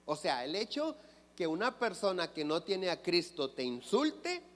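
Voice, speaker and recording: High-voiced, slow-preaching pastor. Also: male voice, sing-song, fairly bright tone. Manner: asks the congregation questions and answers them himself. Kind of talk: sermon. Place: church sanctuary. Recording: long reverb of a church hall.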